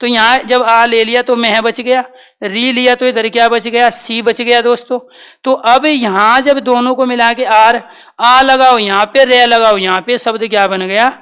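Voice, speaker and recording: A woman teaching a grammar lesson. She patiently asks her students questions, answers them herself and repeats key terms slowly. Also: a little high, steady tone, fairly bright tone, clean tone.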